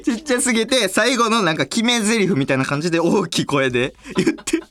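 Laughing Kansai man, lively and jokey. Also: high voice. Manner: chatty, quick to laugh, jokey. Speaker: podcast host. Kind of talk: casual chat.

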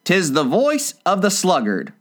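A man voicing a solemn, impatient male griffin who talks slowly. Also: high-pitched, wildly swooping pitch, voice pushed up, heavily acted. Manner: slow and solemn.

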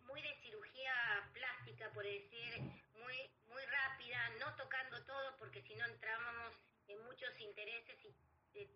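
Argentine woman, guest in an interview, hesitant, filler-heavy delivery, slightly dull recording with faint hiss. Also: on the high side. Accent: Argentine Spanish. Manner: hesitant, many fillers, measured explanation. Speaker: guest academic. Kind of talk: conversational interview answer.

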